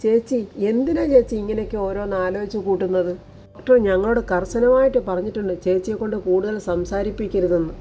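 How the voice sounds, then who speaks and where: A woman's voice: mid-range voice, quick pace, mellow, a little hiss or hum, close to an everyday voice. A woman voicing a caring younger sister who coaxes and reassures her bedridden sibling, in a TV serial recap. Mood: reassuring. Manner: coaxing, reassuring.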